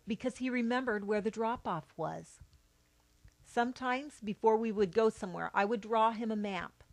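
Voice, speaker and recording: A middle-aged woman, a mother, reading aloud a personal account in a steady, matter-of-fact way. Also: mid-range voice. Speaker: mother of a child with albinism.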